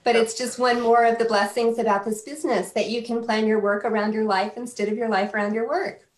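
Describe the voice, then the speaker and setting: A woman's voice: fairly high pitch, little pitch movement, brisk. A woman speaking as a guest in a casual radio interview, with roomy, echoing sound.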